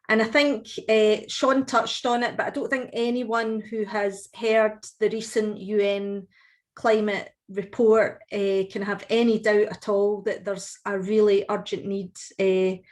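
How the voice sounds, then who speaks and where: A woman's voice: medium pitch, a little mellow. Casting: woman union leader, Glasgow accent, formal address, level delivery with little rise and fall. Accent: Glaswegian Scottish. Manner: measured, deliberately slow and clear. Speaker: trade union leader, invited speaker. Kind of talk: formal prepared speech to an online meeting.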